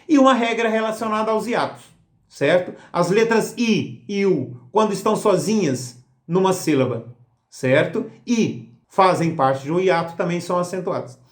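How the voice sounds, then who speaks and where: A man giving a grammar lesson for exam prep, emphatic and explanatory, asking rhetorical questions. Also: sits high. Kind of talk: recorded lesson. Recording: roomy echo.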